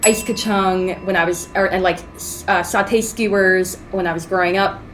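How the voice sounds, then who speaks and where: A woman's voice: mid-range voice, steady tone, moderate pace, fairly bright tone, slight background noise, poor audio. A young woman, a podcast guest, chatting casually and animatedly, with many "like" fillers. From Singapore, then US and Hong Kong. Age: young adult. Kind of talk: casual chat.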